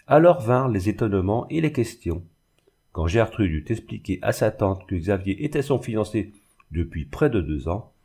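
A man narrating a classic novel as an audiobook in a measured, even storytelling manner. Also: fairly low pitch, husky. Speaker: audiobook reader. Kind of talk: scripted literary narration.

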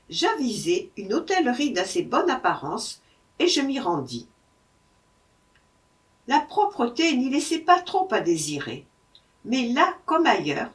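A woman reading a first-person travel account aloud in a measured, expressive way, recorded slightly off-mic. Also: fairly high pitch, far from the mic. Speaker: audiobook reader.

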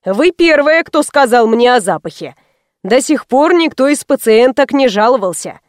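A woman reading an audiobook voices a fussy, ceremonious old male obstetrician who speaks slowly and formally. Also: high voice, expressive, no room sound, clean studio sound. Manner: slow, formal and courtly.

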